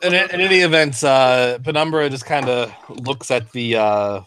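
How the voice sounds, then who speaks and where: A man playing a tabletop game, speaking hesitantly with many pauses and fillers. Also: medium pitch, a bit bright, a little hiss or hum. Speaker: player. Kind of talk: casual tabletop play.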